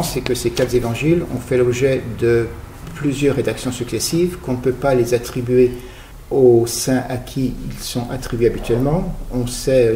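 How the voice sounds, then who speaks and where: A middle-aged man from Guadeloupe, an author interviewed on radio, speaking in a measured, explanatory way with occasional hesitations. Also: mid-range voice, warm tone, roomy sound, slight background noise. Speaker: author guest.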